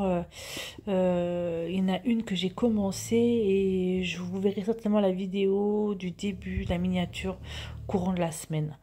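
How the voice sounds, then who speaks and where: A woman's voice: medium pitch, mellow, breathy edge. A woman in her fifties telling a story to her viewers in a chatty way, full of fillers and restarts, sometimes dropping to a whisper. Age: 50s. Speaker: vlogger.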